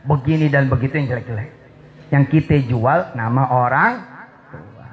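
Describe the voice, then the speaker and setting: A male preacher delivers a lively sermon to a gathering. He talks straight to his listeners, repeats key words, and swings from soft asides to shouted emphasis. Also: mid-range voice, moderate pace, highs cut off, slight background noise. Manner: addresses the audience directly and repeats key words.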